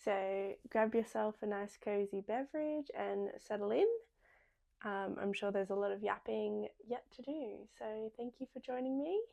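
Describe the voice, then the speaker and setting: A young woman talks her way through a relaxed podcast chat. Her voice has a gravelly, fry-laden edge, and she wanders along with frequent ums and self-corrections. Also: mid-range voice, normal speed. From Australia. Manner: chatty, rambling, many ums. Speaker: podcast host. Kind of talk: casual chat.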